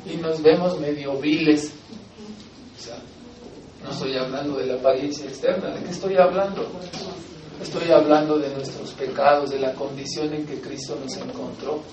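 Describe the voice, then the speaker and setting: A man's voice: a little high, fairly even intonation, normal speed, roomy sound, recorded from a distance, noisy background. A man with a Mexican Spanish accent preaching a sermon as pastor, emphatic, posing rhetorical questions and answering them. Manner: emphatic, rising to loud exhortation, asks and answers rhetorical questions.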